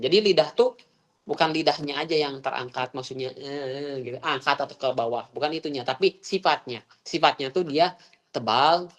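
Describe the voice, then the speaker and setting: A woman teaching a Quran recitation class, asking students questions again and again. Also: low-pitched. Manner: questioning, repeats prompts to students. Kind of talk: online tajwid class.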